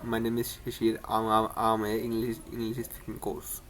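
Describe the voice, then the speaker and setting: A man teaches beginner English on his own channel in a casual spoken lesson. His delivery stays flat, with little rise or fall, and he often stumbles and repeats words. A faint noise sits under the recording. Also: lowish voice, moderate pace. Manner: repetitive, many restarts and stumbles.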